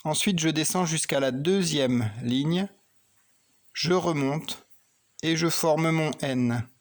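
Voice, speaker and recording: Man, teacher, unhurried, calm, spells out letters one by one, children's phonics lesson. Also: on the high side. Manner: slow, patient, spells and names each pen stroke as he writes.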